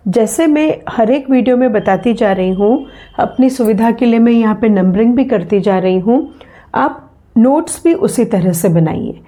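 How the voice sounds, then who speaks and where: With a warm tone pitched on the high side, a woman gives a slow lesson in English pronunciation, patiently repeating sounds and illustrative words for the learners.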